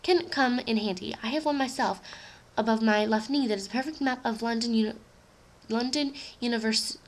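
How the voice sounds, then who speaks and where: A woman's voice: a little high, a little fast, close to an everyday voice. A woman reading aloud, voicing an elderly male wizard headmaster in a slightly raised voice. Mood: calm.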